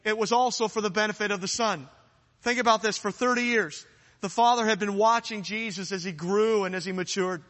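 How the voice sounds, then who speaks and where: A man's voice: sits high, steady tone, a little fast, fairly bright tone. A man preaching a sermon, urgent and rising to fervent challenges at times. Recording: long hall reverb.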